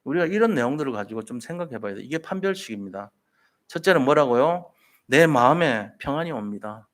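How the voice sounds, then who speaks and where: A man's voice: mid-range voice, animated, a little fast. A man preaching a sermon as a pastor, telling a story and putting rhetorical questions to the congregation.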